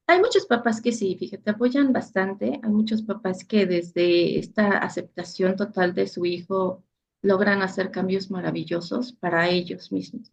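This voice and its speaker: Gravelly-voiced woman psychologist. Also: medium pitch, slight background noise. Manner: earnest, reflective, with frequent "eh" fillers and "¿no?" tags. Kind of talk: explanatory interview talk. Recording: dull lo-fi audio.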